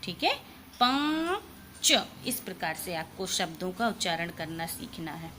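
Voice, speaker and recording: A woman teaching a Hindi lesson to children, explaining slowly and patiently and repeating each sound. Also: fairly low pitch, fairly bright tone, a little hiss or hum.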